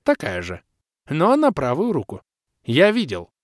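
A cheerful old creature voiced by a man speaks in a raised, lively, folksy voice, full of sayings and omens. His lines swing up and down in a dry, close recording for an audiobook. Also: fairly high pitch, measured pace, no echo, voice pushed up. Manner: folksy, rhyming, superstitious. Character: old male lokhr creature, cheerful, cryptic.

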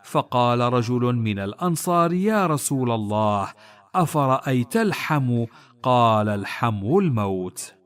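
A man reading religious narrations aloud in a formal, measured, solemn recitation. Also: mid-range voice, lively intonation, smooth. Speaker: reader of hadith texts.

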